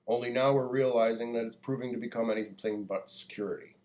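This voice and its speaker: Delivered like a public address, this American man's speech is deliberate and declarative, carrying the earnest, preachy tone of a prepared monologue. His pitch is middling, his tone steady and a little mellow.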